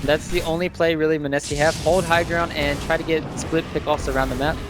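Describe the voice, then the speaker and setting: A man's voice: on the high side, little pitch movement, a little fast, music in the background. A man giving live analysis as a co-commentator on a video game match, conversational and thinking aloud as he restates his points.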